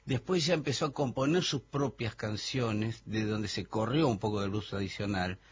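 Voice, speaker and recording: Brief: hoarse Argentine man presenting music on radio, dull sound, faint hum. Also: fairly low pitch, moderate pace. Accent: Argentine Spanish. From Buenos Aires, Argentina. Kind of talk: casual radio chat.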